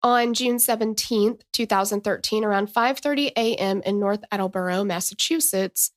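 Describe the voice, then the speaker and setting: A woman's voice: medium pitch, normal speed. A woman in her thirties co-hosting a casual true-crime podcast, chatting and reading case notes with asides. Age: 30s. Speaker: podcast co-host.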